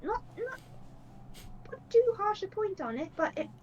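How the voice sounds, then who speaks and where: A woman's voice: extremely high pitch, big pitch swings, full character voice. A woman voicing an articulate woman adventurer who argues her case point by point. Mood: arguing. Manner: measured and persuasive, debating point by point. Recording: slightly dull with faint noise.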